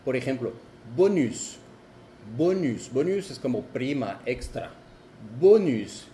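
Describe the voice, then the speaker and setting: A man giving a video lesson, explaining slowly and repeating and exaggerating each example word. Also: medium pitch, big pitch swings, warm tone, slight background noise. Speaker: French teacher.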